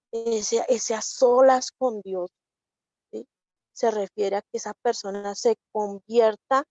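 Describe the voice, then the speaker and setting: Brief: woman, Bible tutor, fairly high voice, dull dry recording, chatty and repetitive. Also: darkish tone, no echo. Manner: conversational, repeats herself, acts out quoted people. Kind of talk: Bible class lesson.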